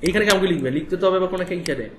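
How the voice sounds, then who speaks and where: A man with a Bangladeshi Bengali accent leads a live coding lesson, rattling through explanations at a quick clip and pausing to ask if everyone follows. His voice sits a little high. The room echoes around him and a faint hum of ambience stays in the background. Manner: rapid, explanatory, asks students checking questions. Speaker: web development instructor.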